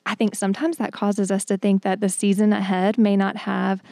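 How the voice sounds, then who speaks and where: A woman shares her thoughts earnestly in a Bible study discussion group, pausing often on ums. Her voice is gravelly and dark in tone. The recording is dry and close. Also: mid-range voice, flat delivery, no room sound.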